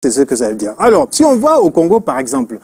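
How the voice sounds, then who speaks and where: A man's voice: fairly high pitch, huge pitch swings, fast talker, vocal fry, darkish tone, slightly rough. A man interviewing a guest in a casual chat, prompting with short replies.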